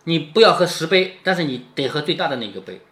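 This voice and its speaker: A man's voice: fairly high pitch, sing-song, quick pace, a bit bright, echoey room. A man reading a classic novel aloud to his daughter, stopping often to explain and asking her if she follows. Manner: explaining, keeps asking "right?".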